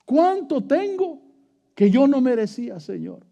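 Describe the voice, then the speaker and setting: A man's voice: extremely high pitch, sing-song, unhurried, gravelly, warm tone, muffled recording. A middle-aged man preaching a sermon, emphatic and storytelling, calling listeners brother.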